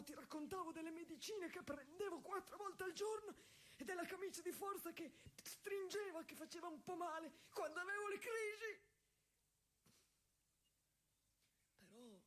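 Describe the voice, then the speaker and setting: In an intimate stage monologue, a woman plays a gentle, wistful husband shut away in an asylum, speaking in halting, simple, repetitive, emotional phrases. Her voice is slightly high, with a faint hiss or hum, and the mood is troubled and subdued.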